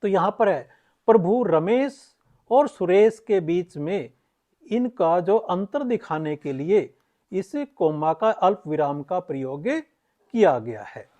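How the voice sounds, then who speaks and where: A woman's voice: fairly low pitch, lively intonation, takes it slowly, warm tone. A woman teaching Hindi grammar in an online lecture, explaining patiently and repeating each point. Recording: slightly muffled lo-fi audio.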